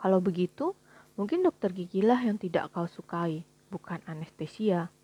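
A woman voicing a calm, patient angel who explains things evenly, in a storybook reading, with a breathy voice. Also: medium pitch, normal speed, no echo.

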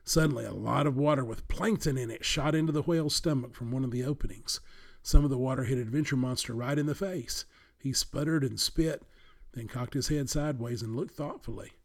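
Gravelly-voiced man reading a children's story. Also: medium pitch, brisk.

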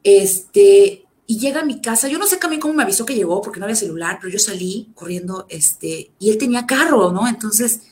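A woman tells her own story in a halting way, stumbling through fillers and restarts. Her voice sits at a middle pitch and often drops low and quiet as she speaks. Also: lively intonation. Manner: emotional, often dropping to a low, soft voice. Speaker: survivor sharing her story. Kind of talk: personal testimony.

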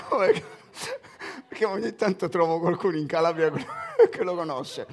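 Male preacher, sermon delivery, high and lively voice, jokey asides between scripture readings. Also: measured pace. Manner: animated, joking asides while reading scripture.

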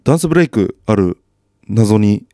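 A man's voice: lowish voice, animated, normal speed, dark tone, no echo, clean studio sound. A man chatting casually on his own while watching TV, with chatty asides and self-deprecating remarks. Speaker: solo podcaster.

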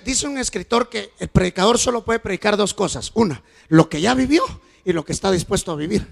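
Man preaching, high raspy voice, gravelly edges, shouts then hushes. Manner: animated preaching, swings from shouting to soft storytelling. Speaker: pastor. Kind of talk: sermon.

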